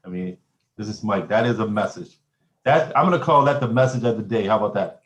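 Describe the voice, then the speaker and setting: A man's voice: lowish voice, fairly quick, lo-fi sound. A man who runs radio stations, talking with emphatic enthusiasm on a podcast. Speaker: radio station owner, guest. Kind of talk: casual podcast chat. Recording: roomy echoey room.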